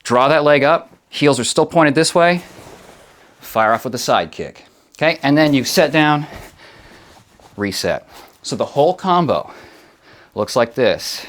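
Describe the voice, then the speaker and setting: A man's voice: medium pitch, lively intonation, a little slow, long pauses, fairly bright tone. A man teaching a martial arts lesson, explaining moves step by step and checking in with short tag questions. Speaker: karate instructor.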